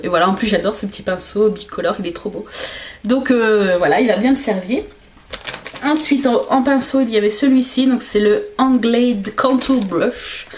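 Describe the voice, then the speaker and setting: A woman's voice: medium pitch, slight background noise. A woman vlogger chatting casually while unboxing gifts, hesitant and full of fillers. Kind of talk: casual gift unboxing vlog.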